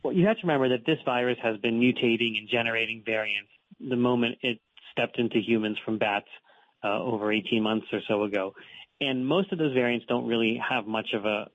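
Male expert interviewee, very quick explanatory talker, thin phone-like sound. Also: mid-range voice, no room sound. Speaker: medical expert guest. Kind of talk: live interview answers. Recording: narrow radio phone-like line.

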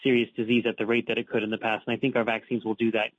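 Male expert interviewee, very quick explanatory talker, thin phone-like sound. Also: lowish voice, flat delivery, husky, no room sound. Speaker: medical expert guest. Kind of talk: live interview answers. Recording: narrow radio phone-like line.

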